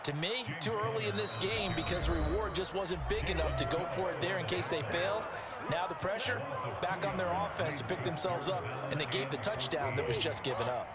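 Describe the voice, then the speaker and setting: A man's voice: high voice, a little fast, natural voice. A man playing an American color commentator in a football video game, explaining things in a conversational way. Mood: analytical, opinionated. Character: opinionated male football analyst in broadcast booth. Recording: loud game noise behind the voice.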